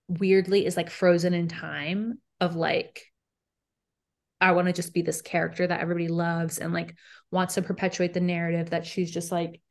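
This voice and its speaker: A young woman co-hosting a podcast in casual chat, animated, with lots of "like" and "um". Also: on the low side. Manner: animated, frequent "like" and "um", laughs between lines. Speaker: podcast co-host.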